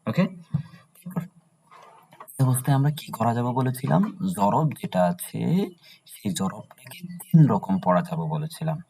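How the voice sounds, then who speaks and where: A man with a Bangladeshi Bengali accent teaching Arabic prosody in a classroom lecture, asking himself questions and answering them, and drawing out meter syllables slowly. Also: medium pitch, big pitch swings, vocal fry, a little mellow, slight background noise.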